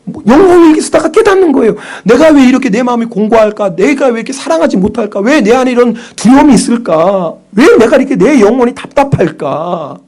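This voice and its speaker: A male pastor preaching a sermon in an animated way, questioning the congregation and answering himself, sometimes dropping to a whisper. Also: very high-pitched, a little fast, few pauses. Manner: drops to a whisper for inner thoughts.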